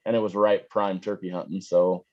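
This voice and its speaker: A man's voice: low voice, flat delivery, moderate pace, muffled recording. A man in his forties chatting casually on a video call, plainspoken and poking fun at himself. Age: 40s. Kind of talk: casual chat.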